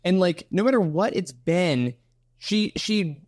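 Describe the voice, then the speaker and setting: A man co-hosting a casual podcast, joking and tossing in playful asides as he talks. His voice sits a little high for a man. It is recorded close and dry on a studio mic, with no room sound. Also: unhurried, no room sound. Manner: playful and jokey, animated storytelling. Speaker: podcast co-host. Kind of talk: casual chat.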